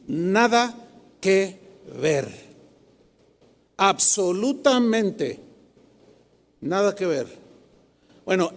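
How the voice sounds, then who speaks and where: A high-voiced male pastor with a Mexican Spanish accent delivers an animated, confrontational sermon, firing questions at the crowd. He's preaching to a live congregation in a large hall, and the recording carries a long hall reverb.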